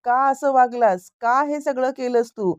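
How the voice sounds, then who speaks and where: A woman's voice: medium pitch, moderate pace, mellow, lightly acted. A woman narrator voicing an angry, heartbroken middle-aged man who was betrayed by his brother, asking pleading, reproachful questions.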